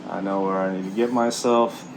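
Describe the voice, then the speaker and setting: A man talking candidly and haltingly in a casual, reflective vlog while out walking. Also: sits low, steady tone, background noise. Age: middle-aged. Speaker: vlogger, military serviceman and former Marine. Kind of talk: casual walk-and-talk vlog.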